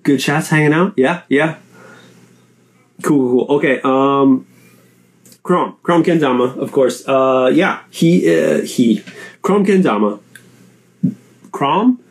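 A man hosting a solo chat show, rambling and casual, repeating words as he goes and swinging his pitch up and down. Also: slow, pauses often. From Canada. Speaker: podcast host.

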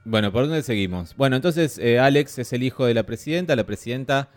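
A man co-hosting a casual film-review podcast, chatty and lively. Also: mid-range voice, a little fast, faint music behind. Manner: lively, chatty, mimics voices mockingly. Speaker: podcast co-host.

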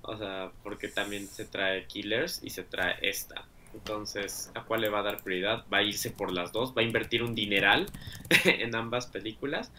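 A man's voice: fairly low pitch, bright, forceful tone, slight background noise. A man with a Mexican accent co-hosting a podcast, chatting casually about films with lots of fillers. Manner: chatty, hedging with fillers, quick to laugh. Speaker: podcast co-host. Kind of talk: casual film chat.

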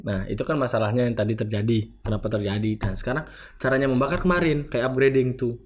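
A young adult man who leads a student organization answers interview questions at a fast clip. His medium-pitched voice stays steady while his replies ramble and are packed with filler tags.

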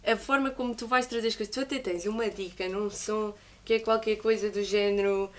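A woman with a medium-pitched voice conducts a casual music interview. She speaks in loose slang, agreeing often and working out her points as she goes. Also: steady tone, fairly quick. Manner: slangy, agreeing, thinking aloud with frequent "tipo".

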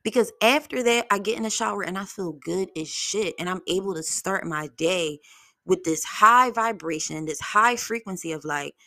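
A woman's voice: mid-range voice, normal speed, sharp tone, no room sound, studio quality. A woman in her thirties giving a blunt, profane motivational monologue from home. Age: 30s.

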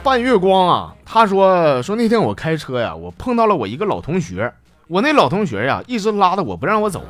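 A man with a Northeastern Mandarin accent rattles off comic anecdotes as a radio host. His pitch swings wildly and his pace is brisk, with teasing punchlines, over faint background music. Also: huge pitch swings, fairly bright tone. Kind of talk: comic storytelling.

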